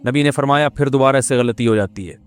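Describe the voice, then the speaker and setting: A man's voice: mid-range voice, smooth, soft background music. A man giving a conversational religious talk, telling stories with acted-out dialogue and laughing at his own jokes. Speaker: Islamic scholar giving a talk.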